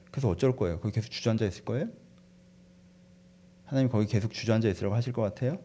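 A man preaching a sermon, asking the congregation questions and swinging from loud fervent peaks to quiet, soft passages. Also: mid-range voice, slight background noise. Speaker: pastor.

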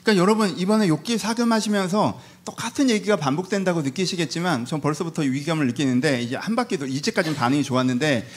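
A man preaching a sermon as pastor, animated, acting out the voices of the people in his story and asking the congregation rhetorical questions. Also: fairly high pitch, fast, few pauses. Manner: animated, acts out voices of Job and his friends.

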